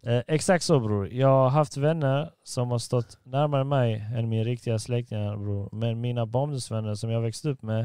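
A man's voice: medium pitch, steady tone, few pauses, dark tone, smooth, no room sound, clean studio sound. A young man hosting a casual chat, talking in slang and reading out listener comments.

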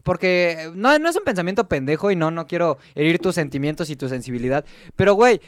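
Slangy young Mexican man, high and smooth. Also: animated, quick pace, dry recording, clean studio sound. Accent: Mexican Spanish. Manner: slangy, emphatic, restarts a lot. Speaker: podcast co-host. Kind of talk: casual chat.

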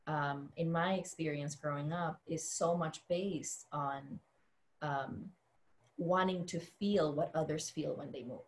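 A woman's voice: low voice, takes it slowly. A woman from the Dominican Republic, a dance teacher and choreographer, speaking thoughtfully on a panel with many fillers and restarts. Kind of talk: panel discussion.

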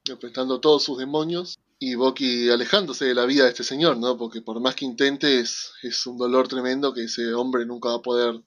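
A man with a Rioplatense Spanish accent, co-hosting a casual chat that recaps a TV series, talking in an animated, excitable way. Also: mid-range voice. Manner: animated, excitable, switches fast to slow. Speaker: podcast co-host. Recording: dull lo-fi recording.

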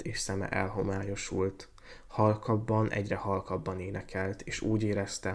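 Brief: male podcast host, storybook narration, measured and lyrical, lower pitch. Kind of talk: storybook reading aloud.

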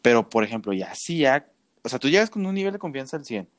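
A man's voice: medium pitch, fast, no room sound. Slangy young Mexican man chatting. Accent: Mexican Spanish. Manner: slangy, laughing, animated storytelling. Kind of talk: casual chat.

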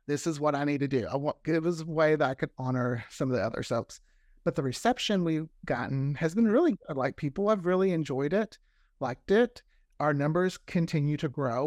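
Slightly high in pitch, this audio drama creator tells stories in a relaxed interview, bringing quoted remarks to life with animated delivery. The studio recording is clean and echo-free.

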